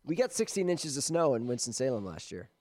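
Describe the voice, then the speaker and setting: A man co-hosting a podcast, relaxed and chatty in casual banter. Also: mid-range voice, brisk, dry recording. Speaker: podcast co-host. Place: lives in Winston-Salem area.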